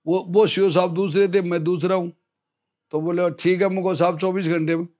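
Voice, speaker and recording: A man in his fifties, an army veteran, telling a story in an interview in a lively way and acting out what others said. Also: high-pitched, moderate pace.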